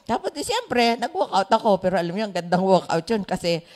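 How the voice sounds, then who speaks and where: A woman with a Filipino accent leading a Bible study, chatty and quick to laugh. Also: medium pitch, very animated, darkish tone. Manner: chatty, laughs often, mixes in English. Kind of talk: Bible study sharing in Taglish.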